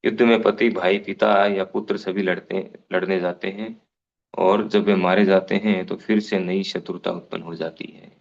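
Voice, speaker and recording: A man's voice: low-pitched, level tone, moderate pace, gravelly, muffled recording. A man giving a devotional scripture class, explaining unhurriedly, restating phrases and giving everyday examples.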